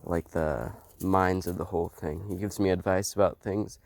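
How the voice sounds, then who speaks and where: A young man explaining his truck repair in a casual vlog, halting and full of ums, filming outdoors on a phone. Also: sits low, steady tone, gravelly, darkish tone. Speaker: homesteading vlogger. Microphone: phone held while filming.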